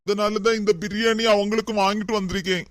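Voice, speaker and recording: Man voicing high, dry-sounding young men, teasing and melodramatic, Kanyakumari Tamil accent. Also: flat delivery, fast talker, no room sound, close to an everyday voice. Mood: bantering. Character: two bickering young brothers-in-law.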